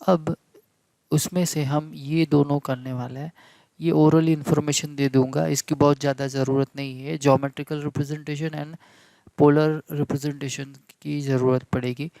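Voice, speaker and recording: A man's voice: a little high, level tone, gravelly, warm tone, no room sound. A man teaching a math lecture, repeating key terms and asking the class questions to check they follow. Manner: slow, deliberate delivery. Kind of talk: classroom lecture in Hindi mixed with English terms.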